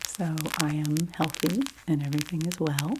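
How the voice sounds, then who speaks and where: A middle-aged woman whispering softly into a close microphone, rambling casually in an ASMR video. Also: low voice, steady tone, background noise. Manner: soft, unhurried whisper with chatty asides. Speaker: ASMR creator.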